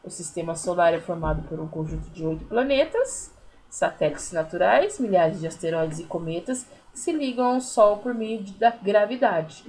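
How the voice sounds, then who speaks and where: A woman's voice: on the low side, moderate pace, darkish tone, rough recording. A woman teacher with a Brazilian Portuguese accent, patiently explaining a lesson to young pupils, counting syllables aloud and using many diminutives. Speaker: primary school teacher. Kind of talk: recorded remote class lesson.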